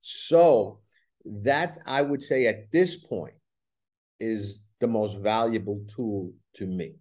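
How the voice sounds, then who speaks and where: A man's voice: lowish voice, slow pace, a little mellow. A man with a Brooklyn New York accent, speaking as a guest in a conversational podcast interview, often repeating words as he explains. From New York, USA. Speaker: horse racing handicapper, interview guest.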